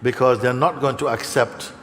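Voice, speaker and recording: A man's voice: medium pitch, fairly even intonation, normal speed, fairly bright tone. Man giving a spiritual talk in a hall. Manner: conversational, often checks in with "okay?" and "you see?"; acts out the voices of people he describes. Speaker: spiritual teacher. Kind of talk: spiritual talk to a live audience. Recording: long hall reverb, faint background noise.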